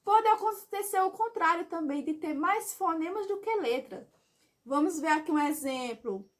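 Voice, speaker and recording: In a video grammar lesson, a Portuguese teacher speaks in a very high, animated female voice. Example words come out slow and clear, she poses questions only to answer them herself, and she keeps checking in by closing phrases with "tá?".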